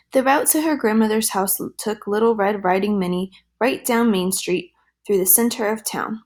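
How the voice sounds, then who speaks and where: A woman reading a children's storybook aloud in a gentle, lively storytelling manner. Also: medium pitch.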